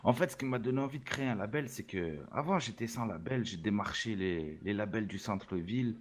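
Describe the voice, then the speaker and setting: A man's voice: fairly low pitch, brisk, natural voice. A man playing a swaggering rap label boss. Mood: boastful. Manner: boastful, peppers speech with Spanish words and 'hein'. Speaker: rap label founder in role-play interview. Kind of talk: role-play interview.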